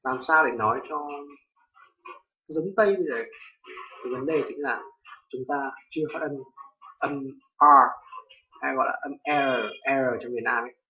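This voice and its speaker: A young man from Vietnam with a Vietnamese accent, casually teaching English pronunciation, hesitant with many fillers and loudly repeating example words. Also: mid-range voice, normal speed, pauses often. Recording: distant lo-fi home recording.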